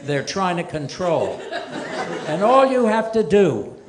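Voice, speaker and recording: Older male comic, high lively voice. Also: slow pace, a crowd in the background. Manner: dry one-liner delivery with self-deprecating asides. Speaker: stand-up comedian. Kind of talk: stand-up comedy set. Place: comedy club stage. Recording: roomy club with loud audience laughter.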